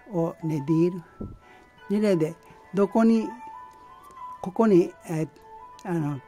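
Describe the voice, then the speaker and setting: Mellow-voiced man teaching language basics. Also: on the high side. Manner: patient, halting explanation with many fillers. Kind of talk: amateur language lesson.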